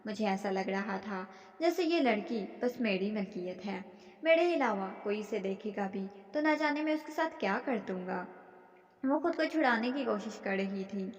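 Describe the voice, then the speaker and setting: A woman narrating a dramatic first-person story in a steady reading voice, in a dull, echoey recording. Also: medium pitch.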